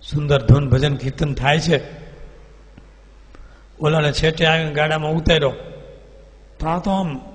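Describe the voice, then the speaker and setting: A male preacher, telling a devotional story with vivid, animated delivery. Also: fairly high pitch, measured pace, long pauses. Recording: reverberant hall.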